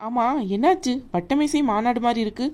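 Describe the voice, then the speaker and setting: A haughty young fiancée in a cartoon, voiced by a woman, dismissive and defiant. Her voice is fairly high. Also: brisk, a little mellow, close to an everyday voice. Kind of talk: animated cartoon voice acting.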